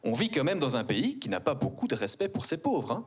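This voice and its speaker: On a theater stage before a live audience, a man in his forties with a Belgian French accent performs stand-up, playing it ironic and mock-posh. His husky, mid-range voice swings widely in pitch, and he talks briskly.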